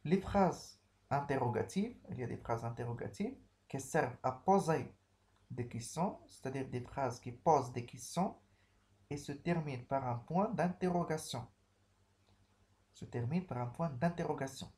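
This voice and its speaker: A male teacher walks pupils through a grammar lesson, saying each key point twice. His voice is mellow and warm, with a middle pitch. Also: normal speed. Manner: patient, repeats each key phrase.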